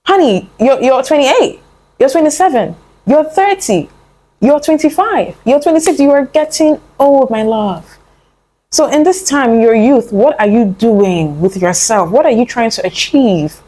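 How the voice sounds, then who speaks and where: A young adult woman with a high, mellow voice speaks in an animated but unhurried way. In her casual motivational vlog she's earnest and coaxing, pleading with the listener, calling them "my love" and "honey," and rambling with many fillers and restarts.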